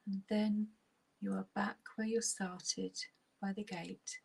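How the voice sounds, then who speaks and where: A woman's soft, breathy husk, barely above a whisper, carries a guided relaxation meditation. She holds a medium pitch with flat delivery, unhurried and soothing, punctuated by long pauses.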